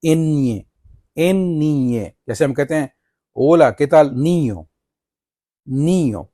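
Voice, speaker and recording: A man's voice: medium pitch, dark tone, no room sound, studio quality. A man teaching Spanish words in Urdu, patiently spelling them out letter by letter and repeating them. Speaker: language teacher. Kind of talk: explaining Spanish vocabulary in Urdu.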